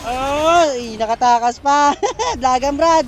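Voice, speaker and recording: A man streaming a mobile game, giving excitable play-by-play commentary, laughing often and taunting his opponents. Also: very high voice, slow pace, soft background music. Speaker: gaming streamer. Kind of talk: live gameplay commentary.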